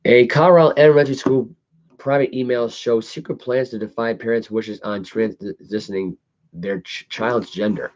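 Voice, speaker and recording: A man's voice: medium pitch, fairly even intonation, moderate pace, darkish tone. A man hosting a podcast, reading and commenting on news casually, stumbling over words with imprecise articulation. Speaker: podcast host. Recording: dull lo-fi audio.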